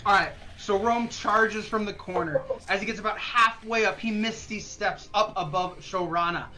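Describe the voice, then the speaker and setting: A dungeon master running a tabletop game, quick and excitable, swearing freely. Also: mid-range voice, poor audio.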